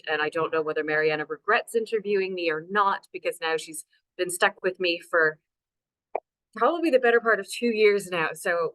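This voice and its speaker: A Canadian woman in her thirties, a local authority climate officer, gives a webinar presentation over a video call. Her voice sits low for a woman but a bit bright, and she's chatty and self-deprecating with many fillers. The low-quality recording sounds dry and close, with no room sound.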